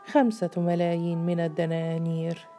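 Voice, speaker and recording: A woman voicing a scheming male governor in a storybook, teasing and smooth. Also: on the low side, monotone, moderate pace, mellow, faint music behind, close to an everyday voice. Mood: coaxing.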